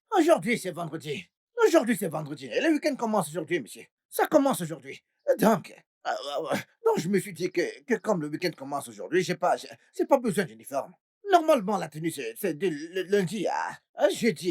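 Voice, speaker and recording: A woman dubbing a grovelling, scheming male house employee, with a raspy voice and stammering, wailing pleas. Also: lowish voice, very animated, brisk, a little mellow. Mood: hesitant. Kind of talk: French film dub.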